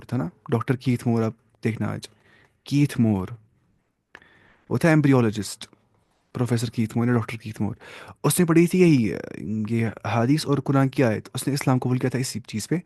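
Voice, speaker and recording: A man's voice: medium pitch, dark tone, no room sound, studio quality. Man teaching a hadith lesson. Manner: explains with questions and recaps.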